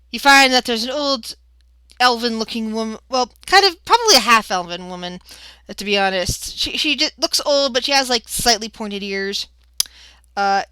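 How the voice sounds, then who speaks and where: Bright, crisp-voiced woman game master. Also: medium pitch, no room sound. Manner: rambling with fillers and restarts. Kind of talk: narrating a tabletop game.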